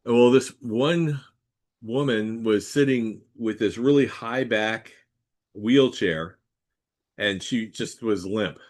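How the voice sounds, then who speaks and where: A man hosting a casual interview, telling stories at a measured pace with "um" and "uh" pauses. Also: mid-range voice, darkish tone. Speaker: podcast host, also plays Santa.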